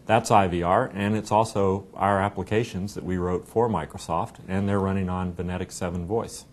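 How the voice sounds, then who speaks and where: In an indoor meeting room, a middle-aged software company representative explains a product conversationally while being interviewed and giving a demo. He speaks at a normal speed with fairly even intonation. His clipped lapel microphone captures clear audio with a low rumble of room noise.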